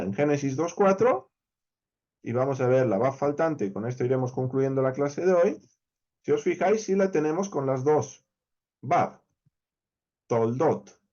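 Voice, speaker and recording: A man's voice: mid-range voice, a little mellow, lo-fi sound. A man with a Spain Spanish accent, teaching a verse-by-verse Hebrew Bible lesson. He explains step by step, counts letters aloud and checks in often with his listeners.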